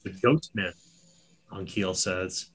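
A man running a tabletop role-playing game, his voice slightly low. He narrates and explains the lore in a relaxed, easygoing way. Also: slow, faint music behind. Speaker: game master.

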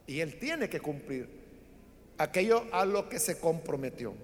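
A man preaching a sermon, telling a Bible story in an animated way and acting out the people in it. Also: fairly high pitch, a little slow, a little hiss or hum. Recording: long hall reverb.

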